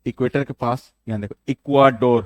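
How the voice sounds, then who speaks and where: A man's voice: mid-range voice, fairly even intonation, normal speed, darkish tone, no room sound. A male geography teacher lecturing a classroom, switching between Hindi and English and repeating key names for students.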